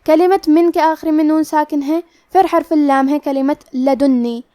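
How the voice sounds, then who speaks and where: A woman teaching Quran recitation rules step by step in a calm, methodical way. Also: high voice, no room sound. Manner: slow drawn-out demonstration of each word. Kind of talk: step-by-step tajweed lesson.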